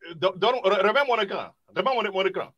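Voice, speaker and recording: High-voiced guy on a video call, worked up, stumbling over his words. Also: expressive, fast, a bit bright, dull audio. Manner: agitated, stammering, interrupts. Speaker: debater. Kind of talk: heated online debate.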